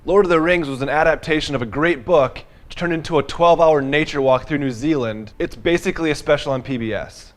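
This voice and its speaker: A man with a slightly high voice makes his case in a scripted comedy debate, dry and mocking. Faint music plays beneath him. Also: fairly quick, hardly any pauses.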